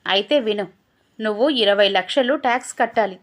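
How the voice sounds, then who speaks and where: A woman's voice: medium pitch, fairly quick, natural voice. A woman voicing a stern male tax officer who speaks in an angry, threatening way.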